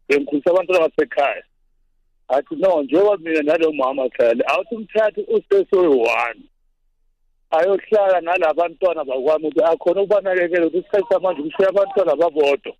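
A South African man phoning a radio show, giving a personal account in a halting, repetitive way over a phone. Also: a little high, a little mellow, no echo. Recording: dull lo-fi phone-in line.

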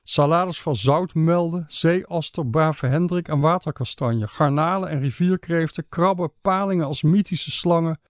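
Male audiobook narrator, calm and measured, matter-of-fact, dry close sound. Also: a little high, dry recording.

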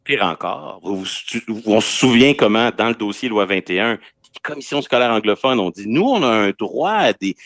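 A man's voice: fairly low pitch, lively intonation, moderate pace, vocal fry, a bit bright, no room sound. Explanatory Quebec male legal commentator, dry studio. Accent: Quebec French. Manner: explanatory, point by point. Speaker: legal commentator, regular columnist. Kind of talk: conversational legal analysis.

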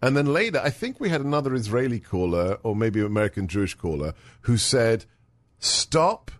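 A male talk radio host chatting about politics in an animated, sarcastic, incredulous manner. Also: lowish voice, fast talker, no room sound.

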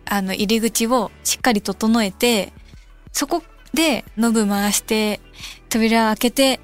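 A young adult woman from Kansai hosting a radio show, reading listener mail and musing aloud in a relaxed, casual way. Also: fairly high pitch, slow pace. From Kansai, Japan. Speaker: radio host. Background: soft background music.

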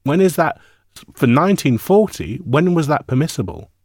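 Husky and on the high side, the voice belongs to a musician in his fifties being interviewed, talking at a normal speed. He reflects animatedly and rambles with fillers, captured in studio quality with no echo.

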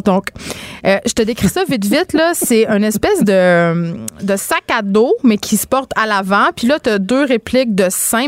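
An emphatic middle-aged woman with a Québécois accent, giving her opinions in a lively, rambling way. Her voice is mid-pitched, and it sounds close and dry, with no room echo. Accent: Québécois French. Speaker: commentator. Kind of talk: casual talk show debate.

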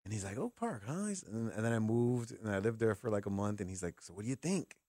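In a radio studio, a fast-talking man with a lowish voice hosts a sports show, chatting loosely and bringing his stories to life by acting out the dialogue. The audio is studio quality and free of echo.

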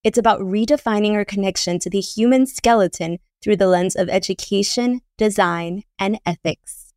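A woman podcast host reading a polished, scripted introduction in a measured announcer delivery. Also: medium pitch, a little mellow, dry recording, studio quality. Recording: music bed underneath.

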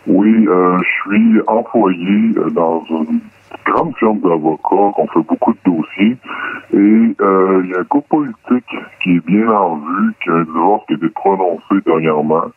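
A man calls in anonymously through an electronically lowered, disguised deep voice, giving terse, guarded short answers. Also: normal speed, husky, no room sound. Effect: pitch-lowered disguised deep voice. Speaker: anonymous caller. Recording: narrow phone-line sound.

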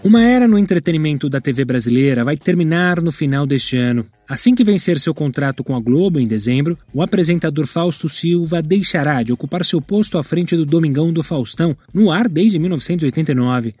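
A man presents entertainment headlines in a steady, measured read. His voice sits a little high and has a husky edge. The sound is dry and close. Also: dry recording. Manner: steady, measured news delivery. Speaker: news presenter. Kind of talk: read news bulletin.

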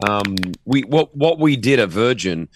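A man's voice: medium pitch, animated, a little slow, noisy background. A man hosting a radio show, bantering and playing up mock offense at his co-hosts. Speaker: radio host. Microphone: studio microphone.

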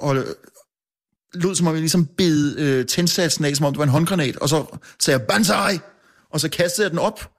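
A man who works as a newspaper editor, a guest telling a story in casual chat, full of restarts and fillers and chuckling at himself. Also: on the high side. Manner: halting, many restarts and fillers.

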